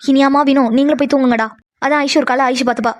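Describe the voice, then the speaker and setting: A woman voicing female characters in a cartoon, brisk and chatty, often indignant. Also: sits high, steady tone, dry recording. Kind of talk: Tamil cartoon voice acting.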